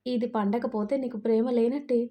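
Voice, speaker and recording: Storybook role: teasing young bride, mellow tone, read by a woman narrator. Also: a little high, steady tone, fairly quick, lightly acted. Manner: teasing, coaxing.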